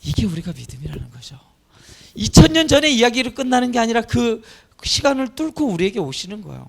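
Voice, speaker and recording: A male pastor delivers a sermon with a high, gravelly voice. His pitch swings widely as he preaches, rising to emphatic peaks. The delivery is animated and earnest. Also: a little fast. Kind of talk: Easter sermon.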